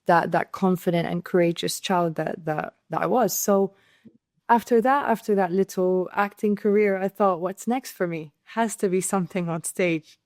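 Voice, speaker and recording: A woman's voice: fairly low pitch, normal speed, darkish tone, no echo, clean studio sound. A young woman from Syria, a podcast guest telling her story in an earnest way, often restarting and repeating words. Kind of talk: conversational interview storytelling.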